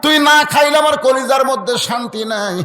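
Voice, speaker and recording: A man with a northern Bangladeshi Bengali accent voicing a loud, doting adult woman who fusses over her brother. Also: very high-pitched, a little fast, pitched above the performer's own voice. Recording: echoey hall with long reverb.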